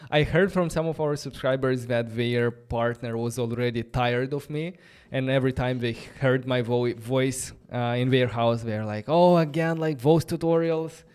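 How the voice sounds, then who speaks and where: A Romanian man who speaks English non-natively hosts a relaxed coding livestream, talking through his thinking in a chatty, filler-laden way. His mid-range voice is smooth and a little mellow, and he's unhurried. There's faint background music.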